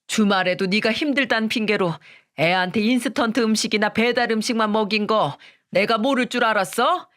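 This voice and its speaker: A woman's voice: medium pitch, a bit bright, natural voice. A woman voicing a stern older mother-in-law who scolds with held-back anger.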